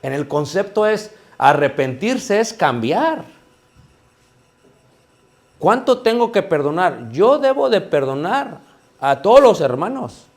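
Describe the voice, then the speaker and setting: A male preacher with a fairly high voice delivers his sermon like a chat with the congregation. He keeps asking rhetorical questions and calling his listeners brothers as he makes his points. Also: very animated, slow, pauses often. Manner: repeatedly addresses listeners as brothers.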